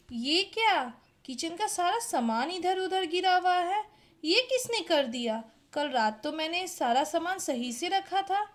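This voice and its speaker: Woman playing an earnest young daughter-in-law, high and slow, doll story. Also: fairly bright tone, heavily acted.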